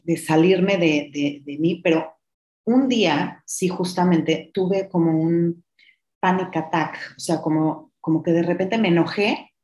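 A middle-aged woman with a lowish voice and darkish tone hosts a podcast, telling a personal story candidly and reflectively. She sometimes slips English words in, and the recording has a roomy echo.

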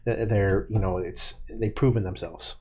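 A man's voice: lowish voice, steady tone, measured pace, mellow, husky. A man co-hosting a podcast in casual chat, joking and restarting his sentences. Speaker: podcast co-host.

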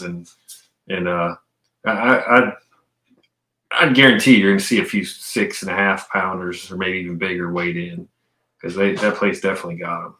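Bright, low-pitched man in an echoey room. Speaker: podcast guest. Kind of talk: casual chat.

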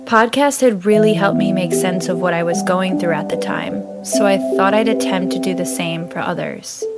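A woman's voice: lowish voice, normal speed. A woman podcast host delivering a scripted, first-person introduction to her show. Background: loud music.

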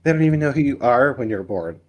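A man's voice: medium pitch, animated, fast. A man talking as a guest on a parenting podcast, joking and emphatic, firing off rhetorical questions. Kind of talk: casual conversational interview.

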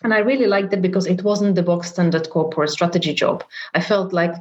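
Czech-accented woman, slightly low voice. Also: fairly quick, a little mellow. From Czech Republic. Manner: conversational, reflective, frequent fillers. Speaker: guest. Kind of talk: casual interview talk. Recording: muffled lo-fi audio.

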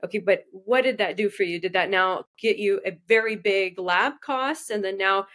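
In a casual interview, an Iraqi dentist appearing as a guest speaks with a medium-pitched, fairly bright voice. Her speech is quick, and she often breaks off sentences to start over or fix what she said.

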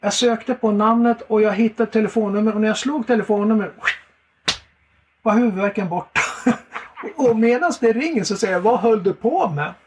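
A Swedish man sharing a faith testimony in lively storytelling, animated and laughing often. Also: sits high, slight background noise. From Sweden.

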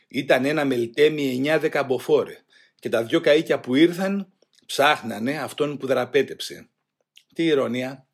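An older man from Greece narrating his own memories in the first person, grave and emphatic, voicing the shouts he heard. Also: medium pitch. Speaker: witness recounting prison-camp memories.

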